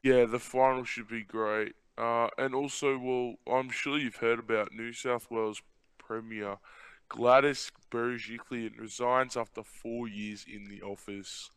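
Young man, Australian accent, clean smooth tone, dry close sound, casual podcast co-host. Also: medium pitch, steady tone, a little slow, fairly bright tone, no room sound, low-quality recording. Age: teenager or young student. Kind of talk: casual sports chat podcast.

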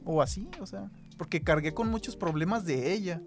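A man's voice: high voice, normal speed, faint music behind. Mexican young man telling a story. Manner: emotional storyteller who acts out quoted lines. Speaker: podcast co-host. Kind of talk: casual chat.

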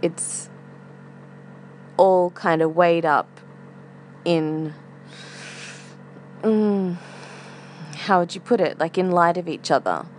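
Low-voiced woman, slow and reflective. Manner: hesitant, thinking aloud. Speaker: podcast host. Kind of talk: casual reflective monologue. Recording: faint air conditioner hum. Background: humming air conditioner.

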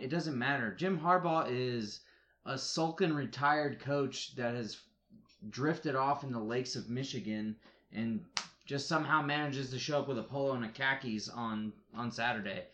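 A man's voice: medium pitch, a bit bright. A man co-hosting an amateur sports podcast, arguing college football in brash, mock-confident banter. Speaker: podcast co-host. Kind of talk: casual sports chat.

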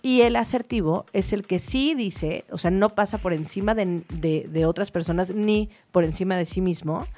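A woman's voice: medium pitch, moderate pace, few pauses, warm tone. A woman, a child therapist, explaining things in a chatty, storytelling way. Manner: chatty, many fillers, storytelling. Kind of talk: explanatory conversational talk.

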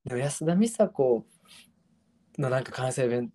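A man's voice: medium pitch, expressive, measured pace, warm tone. A young man with a Kansai accent, co-hosting a casual podcast chat and laughing easily. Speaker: podcast co-host.

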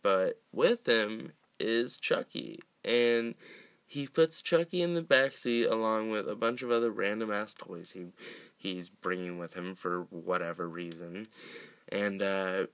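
Man, casual podcast host, rambling movie recap, slow delivery, dry close recording. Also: lowish voice, fairly bright tone, smooth, dry recording. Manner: rambling, many fillers and restarts, laughs often. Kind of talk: casual film recap chat.

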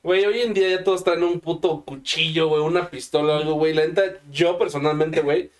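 A man with a Mexican accent in a crude, casual chat, cursing nonstop and saying "güey" all the time. His speaking voice sits a little high. He tells stories from his own life in a loose, rambling way. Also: fairly even intonation, fairly quick. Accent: Mexican Spanish. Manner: swears constantly, says "güey" nearly every line.

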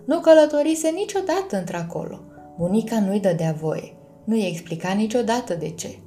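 Calm, mellow woman storyteller. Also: medium pitch. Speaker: narrator. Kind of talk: scripted audiobook narration.

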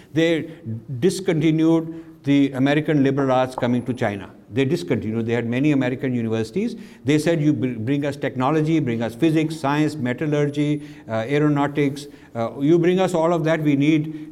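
A man's voice: mid-range voice, darkish tone. A man with an Indian accent giving an emphatic public talk, repeating phrases for weight. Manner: emphatic, repeats phrases, slips between English and Hindi. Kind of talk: public talk, answering questions. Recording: long hall reverb.

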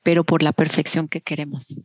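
A woman's voice: low-pitched, level tone, fairly quick, a little mellow, no room sound, muffled recording. A middle-aged woman with a Mexican accent, talking candidly and encouragingly as an interview guest. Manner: candid, encouraging, many fillers. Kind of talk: casual interview.

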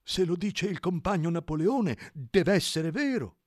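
A man voicing a big, slow-witted and loyal male workhorse who speaks earnestly. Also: high voice, sing-song, darkish tone, no echo, studio quality, pitched above the performer's own voice, full character voice. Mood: trusting.

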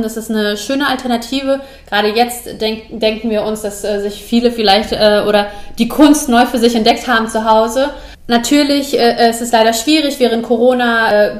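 A woman co-host with a somewhat high voice talks through a tip slowly and explains as she goes, pausing on filler sounds. The room is echoey and roomy. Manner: reads a tip aloud with fillers, slow and explanatory. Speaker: podcast co-host. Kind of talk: casual podcast hosting.

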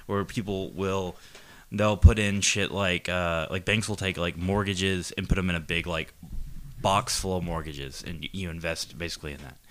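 A man's voice: low voice, fairly bright tone. A man co-hosting a podcast, explaining at length in rambling, profane casual chat. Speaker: podcast co-host.

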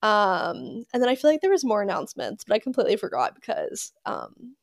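A young woman hosting a casual solo podcast, excitable and gushing, with lots of fillers and repeated words. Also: medium pitch, a little fast, gravelly, no echo, clean studio sound. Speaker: podcast host.

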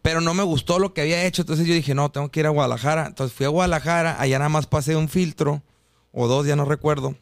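A man's voice: fairly high pitch, steady tone, quick pace, no echo. A man with a northern Mexican accent, telling anecdotes casually in informal, slangy talk as a podcast guest. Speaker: guest singer.

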